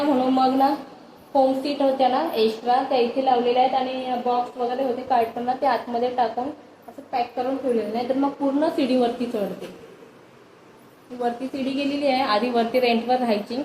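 Chatty high-voiced mom vlogger. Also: female voice, steady tone, a little fast, dark tone. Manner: chatty, talks straight to viewers. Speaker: home vlogger and mother. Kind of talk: casual chatty home vlog narration. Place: home kitchen. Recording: echoey room with faint noise.

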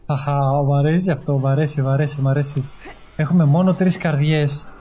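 Excitable male gamer commentating play. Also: a little high. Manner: excitable, yelps and swears in English when surprised. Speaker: gaming streamer. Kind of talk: casual gameplay commentary. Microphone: gaming headset.

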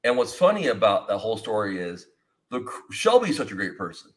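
Talking fairly quickly in a voice on the low side, a man in his thirties hosts a casual podcast by video call. He rambles through stories with energy and lively hand gestures, seated in his indoor home studio with a foam-panel wall.

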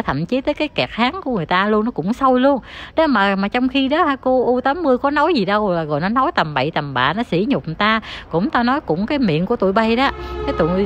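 A woman, ranting as an online commentator who talks straight to her viewers in a heated, scornful, insulting tone. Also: medium pitch.

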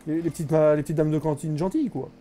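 A young man talks through a live game in a mellow, slightly high voice, joking and teasing himself and his chat. Faint music plays underneath. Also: steady tone, fast. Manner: joking, self-mocking, chatty with viewers. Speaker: gaming streamer. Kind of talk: live gameplay commentary.

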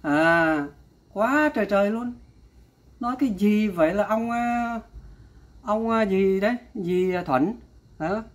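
A man's voice: sits high, takes it slowly. A man giving an exasperated commentary vlog, talking straight to his viewers and repeating exclamations of disbelief. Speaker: vlogger.

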